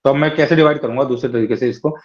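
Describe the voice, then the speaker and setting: A man's voice: medium pitch, steady tone, racing, dull audio. A man teaching a class lecture, explaining step by step and often checking in with his listeners.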